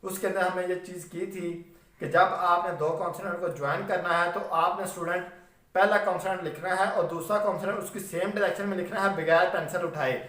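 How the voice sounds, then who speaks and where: A man's voice: high voice, fairly even intonation, brisk, fairly bright tone. A man giving a shorthand lecture, explaining patiently and repeating checks with students as he spells out words letter by letter. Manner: patient, repetitive explaining, frequent "theek hai" checks. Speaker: shorthand teacher. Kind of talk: classroom lecture. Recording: very echoey room, voice from a distance.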